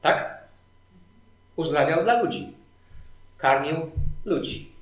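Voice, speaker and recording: Man preaching a sermon, high voice, animated storytelling, very echoey hall. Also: slow. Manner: animated storytelling, building emphasis.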